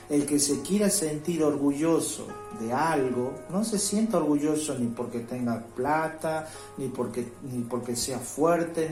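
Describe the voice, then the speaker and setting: A man preaching a home devotional sermon. He reads scripture slowly and keeps checking in with his listeners by asking "¿sí?". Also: fairly high pitch, a little mellow. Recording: roomy echo with faint music.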